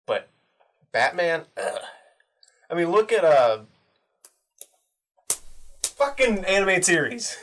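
A man's voice: high voice, big pitch swings, slow pace, pauses often, fairly bright tone. A man co-hosting a casual chat, talking loosely, swearing often and laughing between points. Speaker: co-host.

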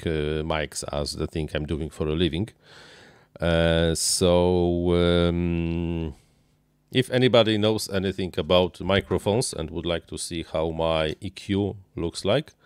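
Building a model plane on a live stream, a man in his thirties talks off the cuff in a low, nasal, clean-toned voice, halting often with uhs, restarts, and non-native phrasing. The setting is a small home workshop desk indoors. His close boom-arm dynamic mic and headphones give a dry recording.

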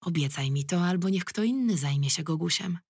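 A woman's voice: on the low side, expressive, fairly quick, a little mellow, breathy edge, no echo, clean studio sound. A woman voicing a tough, sarcastic young policewoman who swears and speaks curtly and ironically. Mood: sarcastic, angry.

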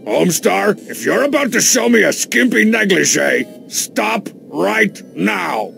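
A man voicing a short-tempered, boastful masked cartoon wrestler with a gravelly, brash, theatrical delivery. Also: high-pitched, very animated, measured pace, pushed and bright, faint music behind, full character voice. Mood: irritated. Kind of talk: cartoon voice acting.

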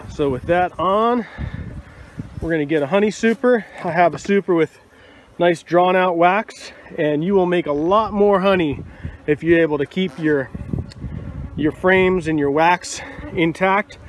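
This relaxed instructional vlog features a male beekeeper in his thirties speaking outdoors at his bee yard, his phone held out at arm's length. His voice runs on the high side, and he fills his explanations with casual fillers while faint noise from outside drifts in.

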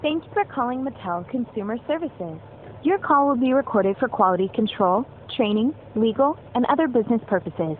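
A woman's recorded phone menu message, a polite, measured scripted announcement for a customer service line. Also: a little high, animated. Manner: polite, measured, evenly paced. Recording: tinny phone line with faint hiss.

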